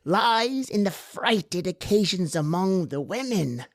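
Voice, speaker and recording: A woman plays a scheming little male court jester in a radio horror drama. The voice sits lowish for a woman and draws phrases out with theatrical deliberation. It is sly and persuasive, recorded very dry. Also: expressive, a little slow, dry recording. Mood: sly enticement. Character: cunning crippled male court jester, slyly scheming dwarf.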